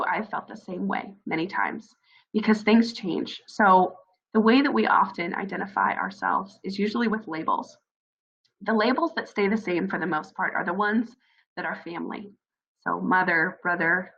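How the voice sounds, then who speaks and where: Her voice is lowish and gravelly yet fairly bright, roughened into a scratchy, froggy hoarseness by a cold. She's a woman giving new military spouses earnest, encouraging advice in an informal talk peppered with fillers, captured on dull-sounding audio.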